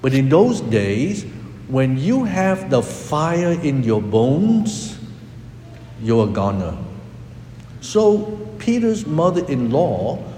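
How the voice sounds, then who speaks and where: A man preaching a sermon as a priest, with a slow, emphatic delivery that rises and drops dramatically. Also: mid-range voice, sing-song, warm tone, a little hiss or hum. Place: church. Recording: echoey hall with long reverb.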